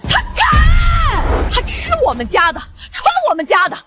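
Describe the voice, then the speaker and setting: Brief: shrieking, fast-talking older mother-in-law, bossy and spiteful, pitch swooping wildly. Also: wildly swooping pitch, shouting, over a noisy crowd, very noisy, full character voice. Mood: scolding. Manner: shrill, scolding, domineering. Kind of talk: short drama acting.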